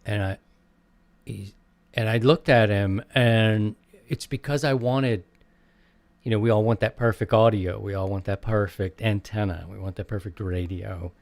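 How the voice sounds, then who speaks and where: A man's voice: fairly low pitch, steady tone, moderate pace, vocal fry, a little mellow, no room sound. A man hosting a show, chatting casually and informally. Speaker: show host. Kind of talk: casual chat.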